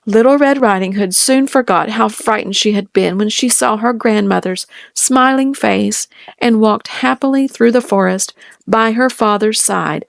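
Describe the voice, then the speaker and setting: Woman, fairy tale read-aloud, gentle measured storytelling, fairly high voice, close dry mic. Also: creaky, no room sound. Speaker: storybook reader.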